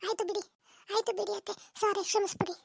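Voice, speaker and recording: A woman voicing a sharp-tongued young daughter-in-law in a comic cartoon, quick to retort and argue back. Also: very high voice, fairly even intonation, creaky, no echo, clean studio sound. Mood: defensive.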